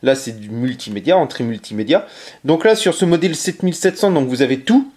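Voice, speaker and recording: A man giving a casual show-and-tell presentation of a game console he collected. He talks hesitantly, with many fillers, pauses and self-corrections. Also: medium pitch, animated, darkish tone.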